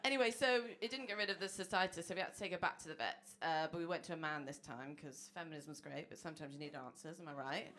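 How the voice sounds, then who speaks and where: A woman's voice: sits low, quick pace, few pauses. A woman in her thirties doing a chatty, self-mocking stand-up set, laughing through her own jokes on a comedy club stage. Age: 30s. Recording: noisy live club recording.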